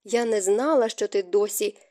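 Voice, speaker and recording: A woman voicing a gentle, remorseful middle-aged stepmother who speaks softly and tearfully. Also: medium pitch, moderate pace, natural voice. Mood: sorrowful. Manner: soft, hushed, tearful delivery.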